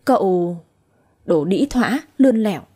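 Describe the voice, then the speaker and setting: A woman's voice: mid-range voice, lively intonation, normal speed, mellow, slightly rough. A woman voicing a resentful young granddaughter who bickers sharply. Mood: furious.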